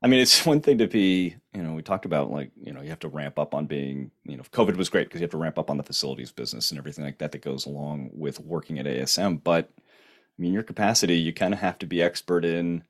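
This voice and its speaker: A man's voice: extremely low pitch, fast. A man hosting a conversational interview, playful and prone to restarts and fillers. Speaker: podcast host.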